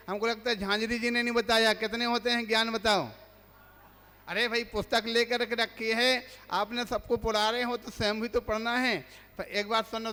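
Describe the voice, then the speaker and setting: A man's voice: sits high, pushed and bright, clear, resonant tone. A man, a monk teaching a religious class, asks the listeners questions and then recites the lists himself. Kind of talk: quizzing religious lesson. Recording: long hall reverb.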